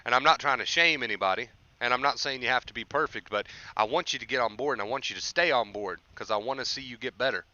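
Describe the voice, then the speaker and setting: Ranting motivationally to his live chat, a young livestream host who coaches anxiety recovery speaks with emphasis and lots of repetition, frequently checking in with "right?". His medium-pitched voice is quick and sharp with few pauses, and it's worn from overuse. The recording is dry, with the highs cut off.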